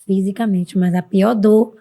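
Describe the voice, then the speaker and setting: A middle-aged woman from Brazil, a guest on a podcast, talking earnestly and warmly about her life and her mother, sometimes jumping high in pitch when she quotes others. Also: steady tone, a little slow. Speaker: podcast guest, mentor for women. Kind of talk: casual interview talk.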